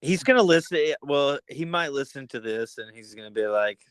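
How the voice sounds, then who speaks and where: A man's voice: mid-range voice, expressive, normal speed, clean tone, no echo. A man co-hosting a podcast in casual, joking chat and laughing often. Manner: jokey, laughs often, teasing. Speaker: podcast co-host.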